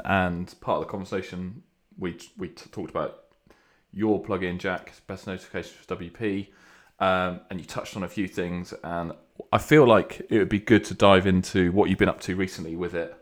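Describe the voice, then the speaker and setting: A man's voice: sits low, steady tone, normal speed. A man talking casually as the co-host of a podcast. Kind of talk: casual conversation.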